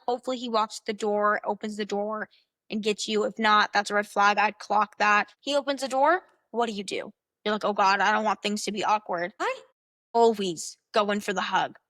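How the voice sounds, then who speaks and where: A young woman giving casual, upbeat dating advice to camera, chatty and full of "like" and "literally", acting out quoted lines in a high excited voice. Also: dry recording.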